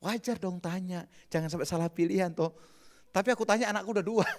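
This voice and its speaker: A middle-aged man with a Javanese accent preaching a lively, joking sermon, swinging from loud bursts to soft whispers. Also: high voice, fast. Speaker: pastor.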